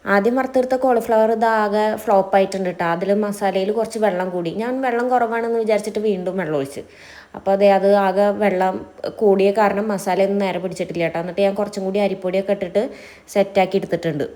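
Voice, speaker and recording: A woman's voice: medium pitch, steady tone, fast, a little mellow. A woman, a mother, chatting casually to the camera about her day at home, homely and talkative, often correcting herself mid-sentence. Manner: chatty, homely, self-correcting as she talks. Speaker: mom vlogger. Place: home kitchen and dining area.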